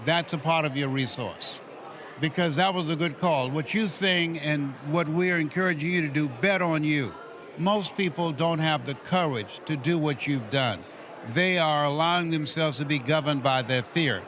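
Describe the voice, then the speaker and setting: An eighty-year-old motivational speaker appears as an interview guest, offering encouragement in a preacherly style packed with maxims. His voice is a little high and fairly bright, at normal speed.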